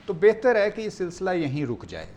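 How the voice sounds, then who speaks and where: A man's voice: sits high, wildly swooping pitch, a little mellow, a little hiss or hum. Earnest male guest analyst. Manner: earnest, reflective, trailing off. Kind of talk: studio discussion.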